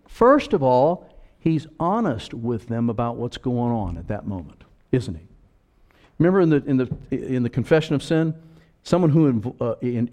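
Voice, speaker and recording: An older man preaching a sermon to a congregation, blunt and rambling, with quiet asides and sudden loud emphatic lines. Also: medium pitch. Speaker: pastor. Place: church in front of a congregation.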